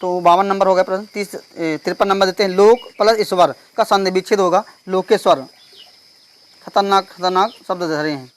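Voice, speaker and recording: A male teacher solving an exam paper step by step. He reads each question slowly and keeps checking in with the class. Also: sits high, steady tone. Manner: explains step by step, reads questions slowly, repeats "theek hai". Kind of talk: exam paper walkthrough lesson.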